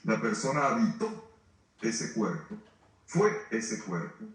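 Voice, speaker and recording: Echoey, distant priest preaching emphatically. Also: male voice, on the low side, wildly swooping pitch, slow pace. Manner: emphatic, rhetorical questions, speaks to listeners directly. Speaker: priest leading a grief retreat. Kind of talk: sermon. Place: formation house hall.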